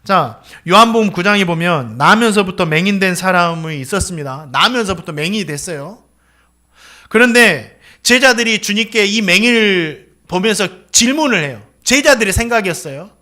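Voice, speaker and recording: A male pastor delivering a sermon in a strikingly high voice. He preaches dramatically, acting out the voices of the people he quotes, and his tone is bright and forceful throughout. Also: lively intonation, normal speed. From South Korea.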